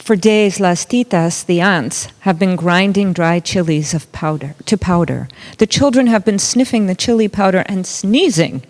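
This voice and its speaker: A woman reading a picture book aloud in a deliberate, pausing way, acting out short bits of dialogue and saying Spanish words a little haltingly. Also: on the low side, expressive, darkish tone. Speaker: reader of a children's story at a church service. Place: church service, reading aloud to a gathering.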